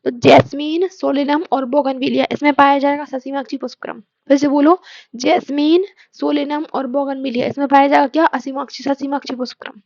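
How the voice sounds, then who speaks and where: Brief: high, gravelly female teacher, hoarse with a cold, quizzes and answers herself, dull dry lo-fi audio. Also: fairly even intonation, darkish tone, no echo. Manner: asks the class questions and answers them herself; slows down to chant mnemonic lines. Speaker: biology teacher. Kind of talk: exam-prep lesson with memory tricks.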